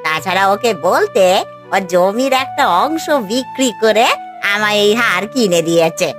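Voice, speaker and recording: A woman plays a bragging young village wife in a storybook cartoon, her voice high and bouncing all over. Her talk is lively and pushy. Music plays clearly underneath. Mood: boastful. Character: boastful young village wife showing off gold. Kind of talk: cartoon voice acting. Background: background music.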